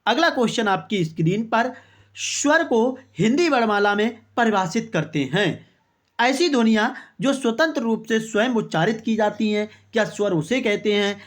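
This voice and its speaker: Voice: mid-range voice, expressive, moderate pace. An online exam-prep teacher leading a quiz-style coaching lesson, who calls viewers brother and friends, reads out each answer option as a rhetorical question, and keeps adding "okay, exactly" between answers.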